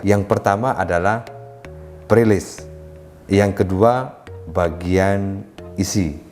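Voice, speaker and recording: Man, low voice, instructional lesson, lists points in order, polite address, faint music behind. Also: darkish tone. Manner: addresses listeners as "Bapak Ibu", lists points step by step. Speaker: writing instructor. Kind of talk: explanatory lesson.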